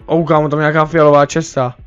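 A young man chatting casually during a game, calmly calling out tactics to a friend. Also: on the high side, clear, resonant tone, faint music behind. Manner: relaxed, calls out tactics, says dude a lot. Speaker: gamer. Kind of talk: casual gaming chat. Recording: dull lo-fi mic.

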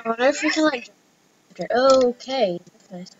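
A woman's voice: high voice, expressive, moderate pace, lo-fi sound, very noisy. A woman giving casual, playful commentary while playing dress-up games at a computer. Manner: giggly, playful, chatty. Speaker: gameplay vlogger.

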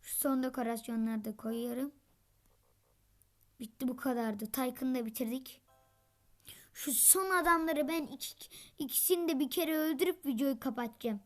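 A woman host giving gameplay commentary, taunting her opponents and breaking into frustrated shouts. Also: normal speed, long pauses. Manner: trash-talking, taunting opponents; bursts into frustrated high shouts. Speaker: gaming channel host.

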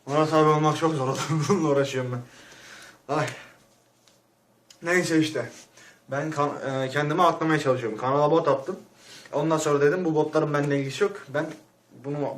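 A man's voice: on the high side, a bit bright, a little hiss or hum. Breathless man ranting through a mask. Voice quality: muffled by a mask. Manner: rambling, crude, mock-serious. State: short of breath. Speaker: vlogger. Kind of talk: comic parody rant.

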